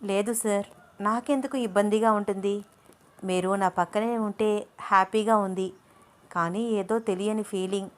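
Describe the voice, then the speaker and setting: A woman's voice: medium pitch, fairly even intonation, normal speed, natural voice. A woman voicing a touchy young female student in a read-aloud audio story, indignant and accusing. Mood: gentle.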